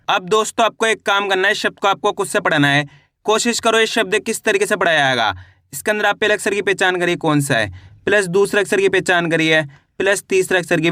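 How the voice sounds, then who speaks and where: A man teaching children to read, spelling out each syllable slowly and then blending it into the whole word. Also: high voice, pushed and bright, no echo, studio quality. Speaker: Hindi reading teacher. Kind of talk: slow syllable-by-syllable reading lesson.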